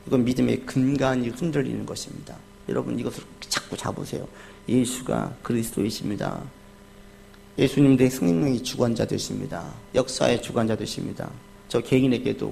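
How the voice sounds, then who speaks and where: A male pastor giving a Sunday sermon, asking the congregation questions and answering them himself, dropping to quiet asides and rising to loud cries when he acts out the crowd. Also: gravelly. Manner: swings from soft, low asides to loud, high cries when acting out the crowd and the beggar.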